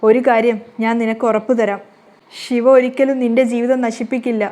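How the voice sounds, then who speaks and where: A woman's voice: on the high side, little pitch movement, moderate pace, dark tone, lightly acted. A woman voicing a middle-aged mother who holds back tears and keeps secrets, speaking firmly to her daughter-in-law. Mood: tearful. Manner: tearful, then firm and dismissive. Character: grieving middle-aged mother, secretive, loving yet stern.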